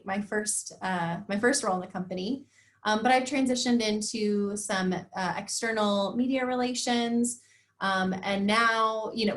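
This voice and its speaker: A woman's voice: mid-range voice, a bit bright. Young woman presenting over a video call. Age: young adult. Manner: friendly, conversational, with frequent ums. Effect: heard over a video call. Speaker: guest speaker. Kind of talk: informal presentation. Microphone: computer or headset mic on a video call.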